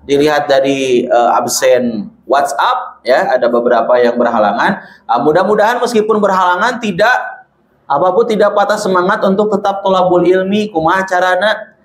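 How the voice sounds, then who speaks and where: A man with a Sundanese accent teaching Quran reading to a class of women, slowly drawing out each syllable in his drills. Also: high voice, reverberant. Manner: slow and deliberate, drawing out syllables in demonstrations. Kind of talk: classroom lesson with recitation drills. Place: room with women students.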